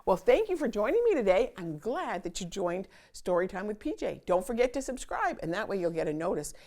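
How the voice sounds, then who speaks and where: A woman of medium pitch hosts storytime for children. She reads a picture book aloud expressively, in a sing-song manner punctuated by dramatic pauses.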